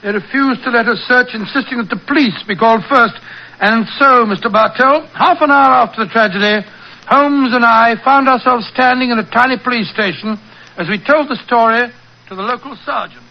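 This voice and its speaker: Older English gentleman doctor, high-pitched, kindly and fussy, vintage radio acting, dull broadcast recording. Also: a little fast. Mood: reminiscing. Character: genial older English doctor, bemused loyal sidekick. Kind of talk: 1940s radio acting and storytelling. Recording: muffled old-time radio broadcast.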